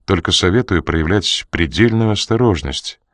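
A man voicing a calm man who speaks in a courteous, measured, coldly polite way. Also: low-pitched, dry recording, clean studio sound.

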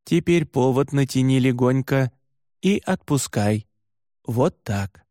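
A man reading an audiobook, voicing an older reindeer herder who gives steady, practical instructions. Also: medium pitch, takes it slowly, no echo, clean studio sound. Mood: calm instructing. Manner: steady instructing, calls out loudly from afar. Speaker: reindeer herder teaching the boy.

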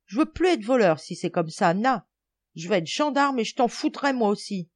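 A woman's voice: on the high side, animated, moderate pace, dry recording, clean studio sound, voice pushed up. A woman reading an audiobook, voicing a sulking little village boy who whines and protests. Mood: whiny. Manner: whining, protesting.

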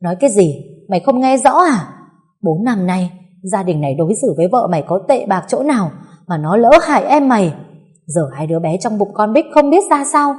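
A woman voicing a furious older mother-in-law who shouts and sobs accusations. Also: medium pitch, lively intonation, fairly quick, breathy edge, voice pushed up.

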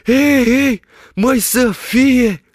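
A man voicing an awestruck, superstitious village shepherd in an audiobook reading, with a high, exclaiming voice. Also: lively intonation, dry recording, studio quality. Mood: amazed.

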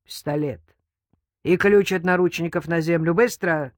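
A man's voice: a little high, animated, moderate pace, gravelly, dry recording, studio quality. A woman reading an audiobook, voicing a cold, threatening armed man who barks orders. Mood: harsh, commanding. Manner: barking orders, loud. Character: menacing armed young man, cold and commanding.

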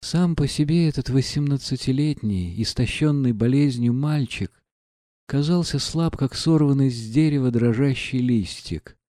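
A man narrates a literary audiobook in a measured, expressive way. His voice is dark and mellow, close and dry on the mic, and it swells on the dramatic passages. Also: medium pitch, no room sound.

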